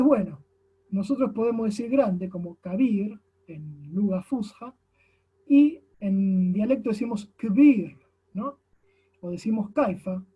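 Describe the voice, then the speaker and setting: In a muffled recording, a language teacher speaking with an Argentine Spanish accent lectures a class step by step, frequently tagging lines with "no?". The voice is husky and medium in pitch.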